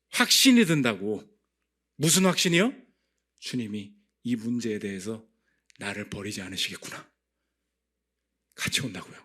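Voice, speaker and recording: Korean man preaching with dramatic swings. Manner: lively preaching, acting out inner voices with big pitch jumps. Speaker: pastor. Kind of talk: sermon. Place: church.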